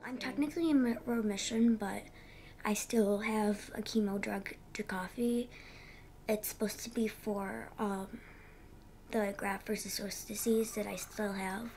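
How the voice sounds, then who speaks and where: A thirteen-year-old girl giving a candid personal interview in halting, youthful casual phrasing. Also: medium pitch, steady tone, darkish tone, slight background noise. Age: 13, young teenager. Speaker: interviewee, young patient.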